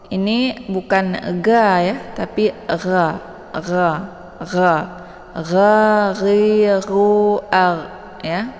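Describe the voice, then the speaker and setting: A woman teaching Quran recitation in a slow, patient tajwid lesson, explaining each letter and then modeling its sound. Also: fairly low pitch, big-room sound.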